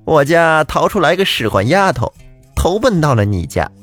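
A man doing a bossy fox spirit wife, loud, scornful, lively swinging pitch, storybook tale, faint music behind. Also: moderate pace. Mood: commanding. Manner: loud, scornful, laughing taunts. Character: domineering mocking fox spirit wife, middle-aged.

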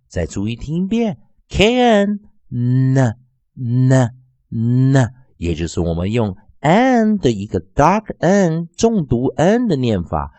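A man teaching English phonics in a classroom style, repeating sounds and words slowly. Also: no room sound. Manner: slow, drawn-out repetition of sounds and words; very lively, sing-song pitch.

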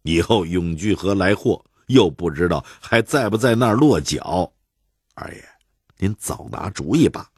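A man's voice: low-pitched, expressive, a little slow, slightly rough, no echo, clean studio sound, heavily acted. A man with a Beijing accent voicing a jovial, stubborn old Beijing bird fancier who jokes wryly. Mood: rueful. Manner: wry joking banter.

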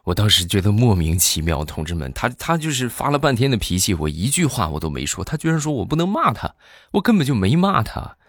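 A man's voice: on the low side, very animated, fairly bright tone, no room sound, clean studio sound. A married man telling comic everyday stories in a chatty monologue, stretching his filler sounds and acting out other people's lines. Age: adult, married. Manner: chatty, drawn-out filler particles, acts out voices. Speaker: comedian.

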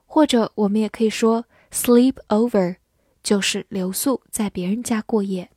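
Slow, careful woman teaching English words. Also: mid-range voice, dark tone, slightly rough, no room sound, studio quality. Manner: spells words letter by letter and repeats slowly. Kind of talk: slow scripted vocabulary lesson.

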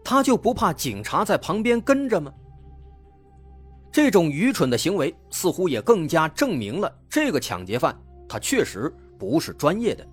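Animated male true crime narrator. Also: on the high side, normal speed, slightly rough, soft background music. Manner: conversational explaining with rhetorical questions.

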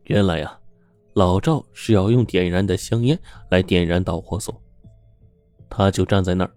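A man with a low, mellow voice narrates a ghost story in a steady, suspenseful manner. The sound is close and dry. Faint music plays underneath. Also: moderate pace, no room sound.

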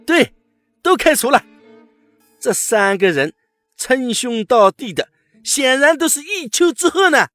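A man voicing an arrogant, spiteful middle-aged department head who sneers and threatens in a shrill voice. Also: expressive, moderate pace, long pauses, fairly bright tone, no echo, faint music behind, full character voice. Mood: sneering threat.

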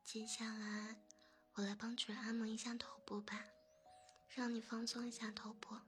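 A woman in a whispered role-play, voicing a gentle, doting maid who soothes her master with a spa-like whisper. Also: a little high, flat delivery, normal speed, soft background music, close to an everyday voice. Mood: soothing, attentive.

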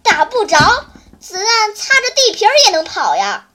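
A storyteller voicing a firm but kindly adult male guerrilla captain who speaks urgently in a lowered voice. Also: huge pitch swings, moderate pace, heavily acted. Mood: firm urging. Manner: urgent and low-voiced, stern then gentle.

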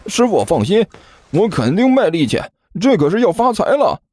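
A man's voice: high voice, very animated, normal speed, darkish tone, a little hiss or hum, voice pushed up. A male narrator voicing a meek young male apprentice who stammers and answers hesitantly in an audiobook story.

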